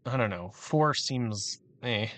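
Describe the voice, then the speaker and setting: A man giving casual, halting commentary while he plans a build in a game, thinking aloud with many restarts. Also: medium pitch, expressive, fairly bright tone. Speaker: gameplay commentator.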